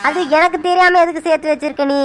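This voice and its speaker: A woman voicing a defensive, quick-tempered village husband in a cartoon. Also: extremely high pitch, steady tone. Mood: scolding. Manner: defensive, scolding. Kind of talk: cartoon voice acting.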